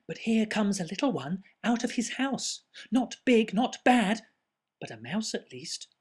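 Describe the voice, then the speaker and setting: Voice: medium pitch, sing-song, a little slow, breathy edge, voice pushed up. A storyteller voicing a brave, curious young girl monster in a children's storybook. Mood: doubtful, then greedy.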